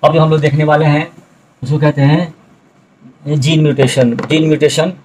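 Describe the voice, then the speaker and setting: Male biology teacher, middle-aged, flat monotone delivery, repeats terms for students. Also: a little high, moderate pace, slight background noise, low-quality recording. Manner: explains step by step, repeats key terms, addresses students directly. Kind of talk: recorded video lecture explaining notes.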